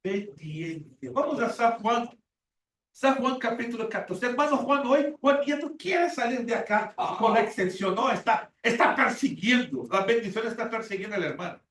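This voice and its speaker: The speaker is a man in his sixties whose very high, slightly bright voice moves at a moderate, expressive pace as he teaches a Bible class sermon-style. Emphatic and repetitive, he dramatizes quoted prayers. The church classroom sounds echoey and far away, with faint hiss.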